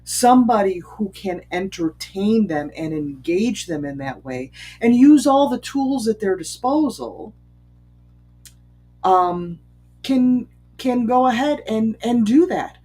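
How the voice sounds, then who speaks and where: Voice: mid-range voice, lively intonation, slow, mellow. Rhetorical, conversational commentator with many ums. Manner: frequent ums and restarted phrases. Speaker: commentator on bias. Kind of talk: unscripted spoken commentary. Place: Chicago area.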